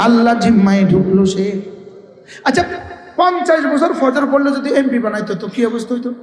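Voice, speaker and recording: High-pitched preacher in an echoing hall. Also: male voice, a little mellow. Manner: call-and-response, asks crowd to repeat; rhythmic chanting of Arabic phrases. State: tired. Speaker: Islamic preacher. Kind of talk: Bengali waz sermon. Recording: echoey hall with long reverb.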